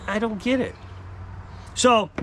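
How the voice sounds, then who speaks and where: An exasperated off-grid homestead vlogger in his fifties vents a frustrated rant to camera from a covered porch beside the woods, emphatic and gesturing widely. His voice sits high, and he speaks slowly.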